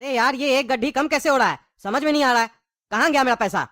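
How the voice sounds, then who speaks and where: A woman's voice: sits high, fast talker, a bit bright, no room sound, studio quality. A woman playing a suspicious, miserly father in a comedy skit, with an irritable, grumbling manner. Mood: irritated. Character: secretive miserly father hiding cash.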